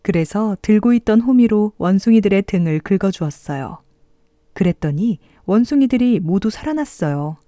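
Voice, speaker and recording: A woman narrating a bedtime fairy tale, gently and expressively, as if reading to a toddler. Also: mid-range voice, animated, moderate pace, no room sound, clean studio sound. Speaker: storybook narrator.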